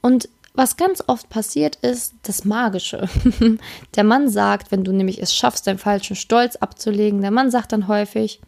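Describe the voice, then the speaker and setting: A woman's voice: mid-range voice, normal speed, creaky, a little mellow. A woman coaching listeners on dating, talking straight to them in an emphatic, direct way. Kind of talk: direct-address advice monologue.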